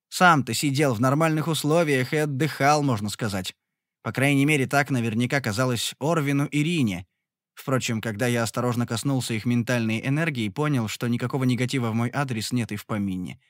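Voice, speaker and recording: A man narrating a fantasy audiobook in the first person with a lively, expressive reading. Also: a little high, no room sound, clean studio sound.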